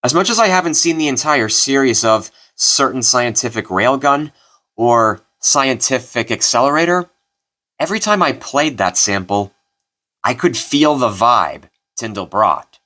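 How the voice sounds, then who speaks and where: A man's voice: medium pitch, animated, unhurried, pushed and bright. A man hosting a video, giving casual scripted commentary. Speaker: video host. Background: music.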